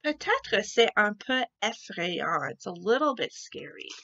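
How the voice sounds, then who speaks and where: A woman teacher reading a picture book aloud to children, slowly and expressively, asking them questions. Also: mid-range voice, big pitch swings, sharp tone, highs cut off.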